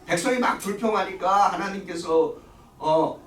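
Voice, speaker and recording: Recorded from a distance in an echoey room with slight background noise, a middle-aged man leads a church Bible study in a high-pitched voice at a moderate pace. He lectures and quizzes the class, then supplies the answers himself.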